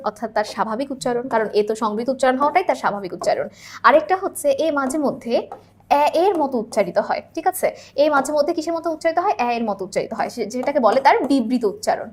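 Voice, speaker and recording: A woman teacher working through exam questions step by step, asking questions and answering them herself and checking that her students follow. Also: high-pitched. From Bangladesh. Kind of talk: exam-prep lesson, solving multiple-choice questions.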